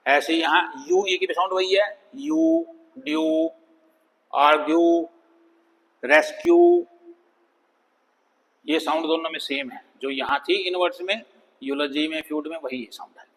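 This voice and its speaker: A man teaching an English phonics lesson, sounding out words slowly and repeating them for students. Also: fairly high pitch, fairly bright tone, big-room sound, poor audio. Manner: slow, drawn-out demonstration of words, calls students "bhai".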